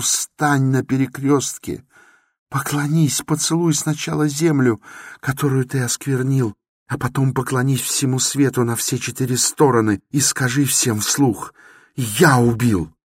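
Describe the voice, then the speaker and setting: A man's voice: mid-range voice, slow pace, slightly rough, no echo, clean studio sound, pitched above the performer's own voice, heavily acted. A man voicing a fervent young woman who pleads urgently in a raised, imploring voice, within a dramatic novel reading.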